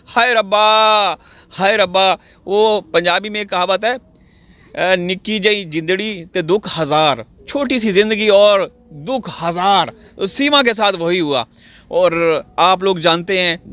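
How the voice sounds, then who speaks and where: A man's voice: high-pitched, pushed and bright, no room sound. A man from Pakistan giving sarcastic, theatrical commentary outdoors, speaking straight to his viewers. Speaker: video commentator. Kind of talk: mocking commentary. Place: outdoors on wet farmland.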